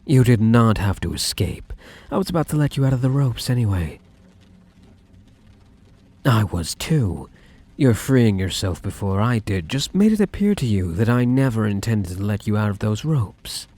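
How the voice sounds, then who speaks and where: A man playing a possessive, lovesick ex-boyfriend in an ASMR role-play, speaking intensely and defensively to the listener with dramatic pauses. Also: fairly low pitch, sing-song, a little mellow. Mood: defensive, insistent. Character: possessive, obsessive ex-boyfriend, self-justifying and lovesick.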